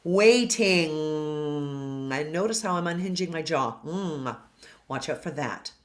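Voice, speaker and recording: Low-voiced woman coaching singing pronunciation. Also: expressive, normal speed. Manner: over-enunciates model words, loud and drawn out. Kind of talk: pronunciation lesson.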